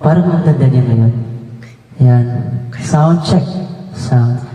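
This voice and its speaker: A man's voice: mid-range voice, slow pace. A man doing a casual sound check, repeating short test words into a karaoke microphone with heavy echo. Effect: heavy karaoke echo through a loudspeaker, like a cave. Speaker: vlogger testing a karaoke microphone. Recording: echoey room heard from far off.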